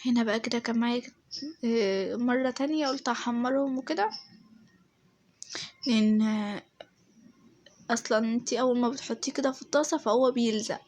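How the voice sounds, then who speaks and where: Woman, Egyptian accent, home vlog voice-over, chatty, rapid, slightly higher voice. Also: darkish tone, slight background noise. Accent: Egyptian Arabic. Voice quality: slightly changed, a bit off. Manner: chatty, filler-heavy, keeps checking in with viewers. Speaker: home vlogger. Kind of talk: casual voice-over narration of a home routine.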